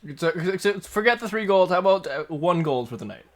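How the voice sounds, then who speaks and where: A man running a tabletop game on a stream, explaining rules in a relaxed, joking way with fillers. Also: high-pitched, a little fast. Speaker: game master.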